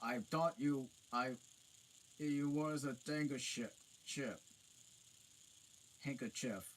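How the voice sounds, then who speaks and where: A big, booming giant, clumsy and kindly, with a rough rustic way of talking, as a man reading aloud puts him on. His voice jumps high and loud, with a faint hiss behind it. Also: takes it slowly, close to an everyday voice, rough recording. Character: huge clumsy good-natured male giant.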